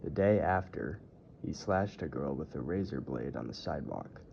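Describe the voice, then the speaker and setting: A man giving a scripted true-crime narration as a tour narrator, in a measured, formal storytelling delivery. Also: extremely low pitch, animated. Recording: muffled audio with clear background noise.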